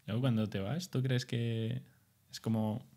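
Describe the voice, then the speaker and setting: A man's voice: medium pitch, fairly even intonation, unhurried, mellow. A man hosting a casual interview, asking questions and giving short, laid-back reactions. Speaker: podcast host.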